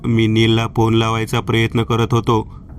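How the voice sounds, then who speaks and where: A man narrating a horror story and reading the dialogue of two friends in a steady storytelling manner. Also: on the low side, normal speed, recorded from a distance, a little hiss or hum.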